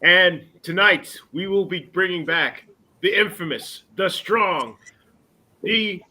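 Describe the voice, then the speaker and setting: Man, tabletop player, playful, dramatic build-ups, very sharp bright tone. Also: high-pitched, animated, takes it slowly. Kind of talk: casual game chat.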